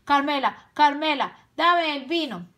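A woman voicing a greedy, threatening male wolf in a children's story, drawing out his words slowly and loudly. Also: medium pitch. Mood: disgusted, angry. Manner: slow, drawn-out and loud.

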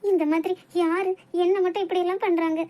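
Woman voicing a tearful young cartoon wife, very high, mellow, pleading. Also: level tone, a little fast. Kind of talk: amateur cartoon voice acting.

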